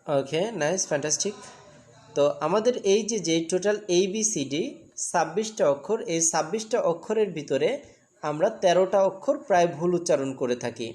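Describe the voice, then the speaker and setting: Woman teacher drilling children, slightly low voice. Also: expressive, fairly quick, darkish tone. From Bangladesh. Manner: drills the class with repeated questions. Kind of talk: classroom lesson.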